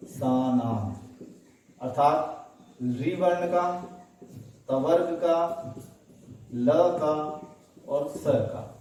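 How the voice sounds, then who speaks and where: A man's voice: on the high side, dark tone. Man teaching from a distance, echoey. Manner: recites letters one by one, asks and answers his own questions. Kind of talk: Sanskrit phonetics lesson. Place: classroom or room, writing on a board.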